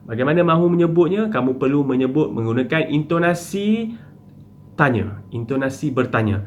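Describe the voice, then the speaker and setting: A man's voice: on the high side, lively intonation, normal speed, a little hiss or hum. A man teaching a primary school lesson, explaining step by step with patient repetition. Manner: patient, step-by-step, with frequent "okey" and "ha" fillers.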